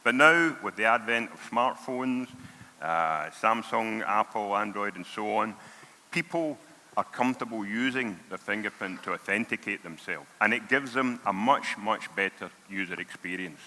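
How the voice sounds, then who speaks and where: Forceful Scottish man presenting in a reverberant hall. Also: fairly low pitch, expressive, moderate pace. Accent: broad Scottish. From Scotland. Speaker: conference speaker, payments product lead. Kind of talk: conference presentation to an audience. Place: on stage in a large hall. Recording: reverberant large hall sound.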